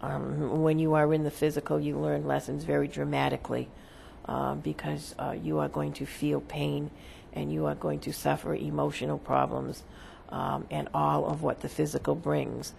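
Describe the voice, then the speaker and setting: A seance medium delivering a solemn spiritual message as a channeled spirit, in a creaky voice with halting, deliberate, formal phrasing. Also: mid-range voice, little pitch movement, a little mellow, slight background noise.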